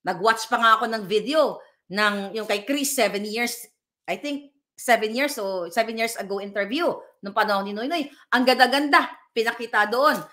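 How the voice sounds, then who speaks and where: Bright high-voiced woman vlogger. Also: normal speed. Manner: emphatic, talks to viewers directly and reads their comments aloud. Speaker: political vlogger. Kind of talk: casual live commentary vlog.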